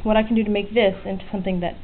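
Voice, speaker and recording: In a mid-range, level voice delivered very fast, a hobbyist vlogger shows her electronics project in an unscripted, informal show-and-tell, self-deprecating and a little sweary. She works at a small home area by an open window, recording on a handheld camera's built-in mic. Expect tinny, band-limited, hissy sound with faint outdoor weather ambience.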